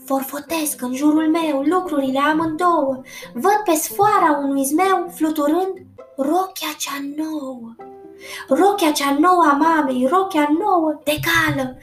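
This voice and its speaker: A woman reading a rhyming children's story aloud in a lively, rhythmic way, in an echoey room with faint guitar music. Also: high voice, far from the mic.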